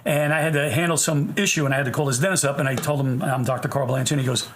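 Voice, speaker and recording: A man's voice: medium pitch, rapid-fire. A man in his sixties from New York, hosting a casual talk show and telling stories with frequent laughter. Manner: animated, laughing storyteller. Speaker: host. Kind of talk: casual interview chat.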